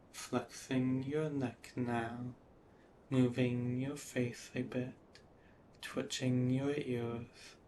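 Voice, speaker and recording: Male hypnosis narrator: soothing, unhurried, flat intonation, drawn-out pauses, audible background rumble. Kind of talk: scripted guided hypnosis narration. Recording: steady background noise, low rumble.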